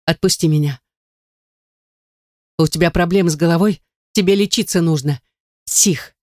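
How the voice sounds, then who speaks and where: A reader voicing a furious, defiant young woman who hisses and shouts back. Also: mid-range voice, fairly even intonation, a little fast, dry recording, clean studio sound, lightly acted. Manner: sharp, hissing, shouting back.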